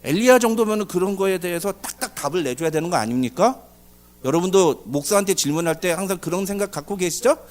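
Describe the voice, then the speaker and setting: A man preaching a sermon as pastor, animated and questioning the congregation, with loud dramatic outbursts. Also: high voice, quick pace. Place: church service.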